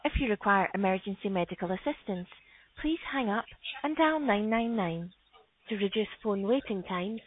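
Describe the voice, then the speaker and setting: A woman reads a recorded phone menu, calm, measured and formal. Her voice comes through a thin, tinny phone line. Her pitch sits in an ordinary middle range. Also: husky. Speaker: phone system announcer. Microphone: phone line playback.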